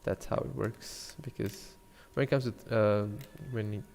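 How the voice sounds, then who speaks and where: A young man from Sri Lanka talks loosely with his live-stream chat as he works, wandering off into jokes and asides. His voice sits low with a gravelly edge. A long reverb trails behind it. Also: fairly even intonation, measured pace, a little mellow, slight background noise. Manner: rambling, joking with chat viewers. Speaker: 3D designer streaming. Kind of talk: casual live-stream chat while modeling.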